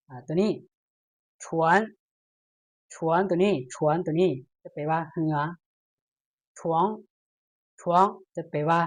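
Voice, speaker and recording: Slow Lao-accented woman teaching Chinese. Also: sits low. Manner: slow, repeats each word, reads Chinese aloud brighter and louder. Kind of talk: language lesson.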